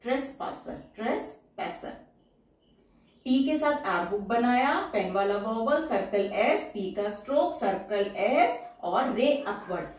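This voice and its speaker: A woman teaching shorthand, explaining each outline step by step and repeating every word slowly and carefully. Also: on the high side, expressive, distant mic. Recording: very echoey room, voice from off the mic.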